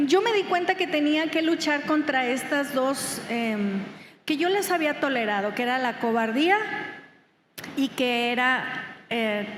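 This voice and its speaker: A woman's voice: sits high, a little hiss or hum. Mexican woman pastor, echoey hall. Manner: conversational, with frequent rhetorical questions; acts out quoted dialogue in lively voices. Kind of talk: sermon. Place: church hall. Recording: echoey church hall with long reverb.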